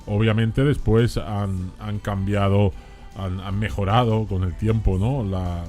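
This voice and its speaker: Deep-voiced man hosting a radio talk. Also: fairly even intonation, slow, dark tone, soft background music. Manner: conversational, hesitant with many restarts. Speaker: radio host.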